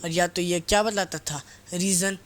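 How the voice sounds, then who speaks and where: This teacher's voice sits high and is a bit bright, with fairly even intonation and a moderate pace. Teaching grammar casually, he repeats key words, answers his own questions, and jokingly scolds his students.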